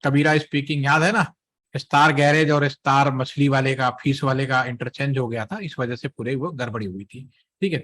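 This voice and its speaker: A man's voice: medium pitch, fairly even intonation, normal speed, a bit bright. A man, teaching trainees a technical lesson, explaining step by step and checking in often. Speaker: instructor.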